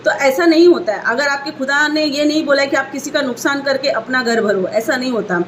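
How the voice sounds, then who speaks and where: High-voiced woman ranting indignantly. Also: a little fast, slight background noise. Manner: indignant, ranting, repeats points. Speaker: online seller and vlogger. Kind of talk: angry complaint vlog.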